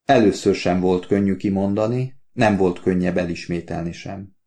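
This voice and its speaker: A man narrating a novel in the first person, measured and wry. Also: deep voice, steady tone, dark tone. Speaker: audiobook narrator.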